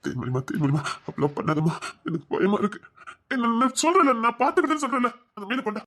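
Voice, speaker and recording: An anxious, remorseful young husband in a TV serial, with a Tirunelveli Tamil accent. He talks quickly, pleading and soothing, and repeats his apologies over and over. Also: very high voice, very noisy. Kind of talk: TV serial acting.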